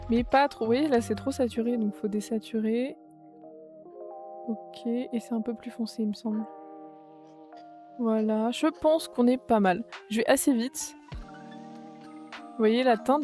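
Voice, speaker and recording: Chatty young woman, slightly high, mellow, lots of euhs, soft music behind. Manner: chatty, lots of fillers and self-corrections. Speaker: YouTuber. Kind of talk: casual chat while playing a color game.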